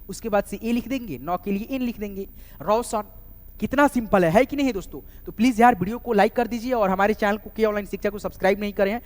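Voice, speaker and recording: A man's voice: high voice, long reverb tail. A man teaching a casual spoken lesson, spelling words out letter by letter and calling his viewers friends over and over. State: sweating from heat. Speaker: online English teacher.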